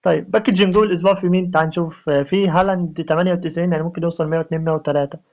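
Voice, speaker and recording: A man with an Egyptian Arabic accent giving excited, repetitive gameplay commentary on a mobile football game. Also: a little high, lo-fi sound. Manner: rapid, repetitive, hyped street slang.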